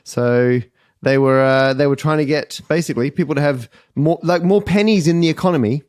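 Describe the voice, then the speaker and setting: A man's voice: fairly high pitch, brisk, a little mellow, dry recording, clean studio sound. A man hosting a podcast panel game, explaining answers wryly. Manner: wry, explanatory. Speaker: quiz host.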